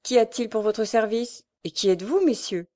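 A woman's voice: on the high side, expressive, normal speed, mellow, pitched above the performer's own voice, lightly acted. A woman voicing a poor young husband in an audiobook, frightened and pleading. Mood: timid. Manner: trembling, pleading. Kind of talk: audiobook character voice.

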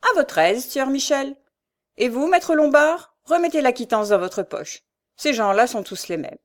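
A woman's voice: high-pitched, lively intonation, a little slow, pitched above the performer's own voice. A woman voicing a stern, impatient male notary in an audiobook, curt and clipped. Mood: contemptuous. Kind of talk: audiobook character voice.

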